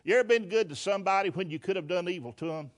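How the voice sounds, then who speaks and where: Man preacher, very high voice, fervent folksy sermon delivery. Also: racing. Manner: fervent, folksy, rhetorical questions, repeats words.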